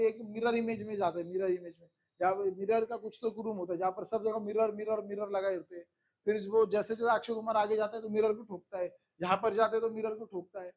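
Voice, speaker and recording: A man's voice: high voice, a little mellow. A man teaching a physics class who keeps repeating questions to his students and coaxing them along.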